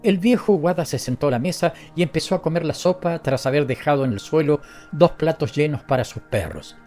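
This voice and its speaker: A man narrating a story as an audiobook reader, in a steady, measured way. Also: fairly high pitch, faint music behind.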